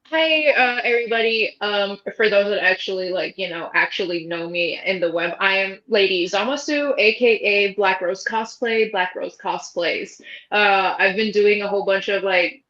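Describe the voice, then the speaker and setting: A woman, a cosplayer guest, chatting casually with many fillers over a low-quality home mic. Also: moderate pace, a bit bright, muffled recording. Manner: chatty, lots of "like, you know" fillers. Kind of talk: casual group chat.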